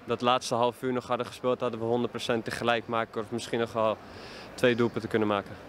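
A young man in his twenties gives a post-match interview as a footballer. His voice sits at an ordinary pitch, and he talks haltingly with frequent fillers. He is recorded outdoors at a stadium on a handheld reporter mic, with faint noise behind him. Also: monotone, fairly bright tone. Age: 20s. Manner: hesitant, many fillers. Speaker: football player. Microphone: handheld reporter mic held up to him.

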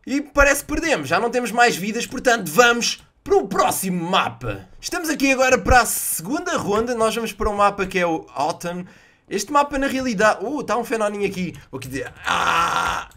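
Excitable young Portuguese gamer, high bright voice. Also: male voice, fairly quick. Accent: European Portuguese. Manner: excitable, exclaims loudly at misses, jokey sound effects. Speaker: gaming youtuber. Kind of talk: live gameplay commentary.

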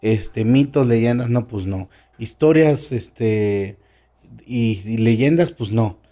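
A man's voice: mid-range voice, takes it slowly, mellow. A man with a Mexican accent, a guest storyteller chatting on a podcast, shifting his tone and stressing words as he talks. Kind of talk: casual podcast conversation.

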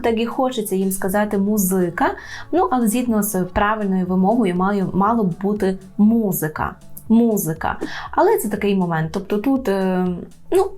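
A woman teaching an online language lesson, explaining patiently and slowing down to model words. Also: medium pitch, darkish tone.

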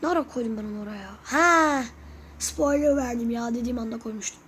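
A woman with a high voice gives casual gameplay commentary as a YouTuber. She talks chattily and keeps turning to her viewers, asking what they think. Faint noise sits under her voice. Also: brisk, a bit bright. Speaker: gaming YouTuber.

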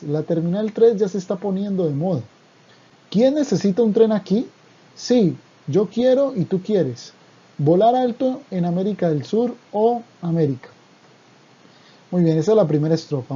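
A man talks through a language lesson at a patient, steady pace, explaining one by one and going back over each term. His voice is very dark and a little husky. The recording sounds dull and lo-fi. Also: high-pitched. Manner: patient, explains word by word, repeats terms. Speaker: Hebrew teacher.

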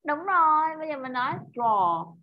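Vietnamese-accented lady teacher, slow and coaxing, kinda high voice, dull dry call audio. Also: big pitch swings, no echo. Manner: patient, encouraging, drills pronunciation slowly. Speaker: English teacher. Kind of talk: online English lesson for a child. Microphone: video call.

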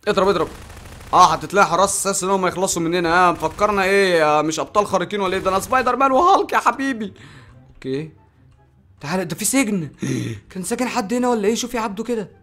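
A young man with an Egyptian Arabic accent hosting a game video, giving excitable commentary, shouting orders and cheering his teammate on. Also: sits high, rapid-fire. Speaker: gaming channel host.

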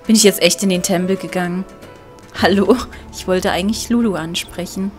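A woman's voice: lowish voice, fairly even intonation, quick pace. A woman giving casual game commentary as a let's player, chatty and thinking aloud. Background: game music.

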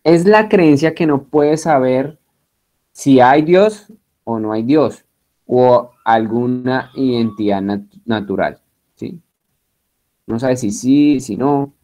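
A man's voice: mid-range voice, slow, dark tone. A man teaching a Bible class in a lecture style, spelling out terms, checking that students follow and joking along the way. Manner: chatty and joking, with many restarts.

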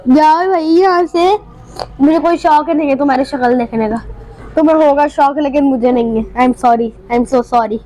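High-voiced woman chattering over gameplay. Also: moderate pace. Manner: playful, jokey chatter; excitable, panicky outbursts. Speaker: gaming channel host. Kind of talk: live gameplay commentary.

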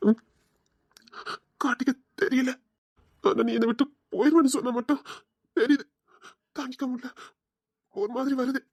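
A woman's voice: high voice, fairly even intonation, normal speed, pauses often, a little mellow, breathy edge, dry recording. A woman voicing a remorseful young husband who pleads with his wife, in a Tirunelveli Tamil accent, often whispering apologies. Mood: tender.

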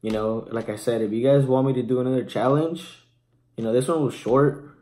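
A man's voice: mid-range voice, fairly quick, mellow. A man in his twenties chatting casually to camera as a vlogger, hesitant and laid-back. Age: 20s. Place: small room at home, indoors.

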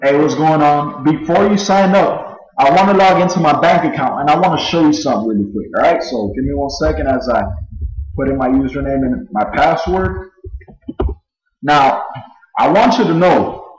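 A man in his twenties giving a screen-recorded sales pitch, pushy and boastful, repeating himself a lot. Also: normal speed, roomy sound, rough recording. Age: 20s. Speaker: network marketing recruiter.

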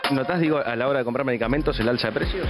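A man with a Rioplatense Argentine accent fires off quick, probing questions as a street reporter. He talks at a fast clip, and background music runs under the report. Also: medium pitch.

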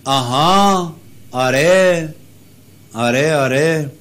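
Man teaching a class, higher-pitched voice. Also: fairly bright tone. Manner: chants syllables slowly to show rhythm; praises and calls on students by name.

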